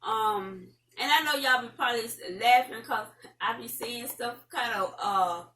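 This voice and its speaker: Bright-voiced Southern American woman, roomy sound. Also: on the high side, measured pace. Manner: folksy, rambling, conversational. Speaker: host of an online talk show. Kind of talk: casual advice chat to viewers. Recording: roomy, distant mic, faint noise.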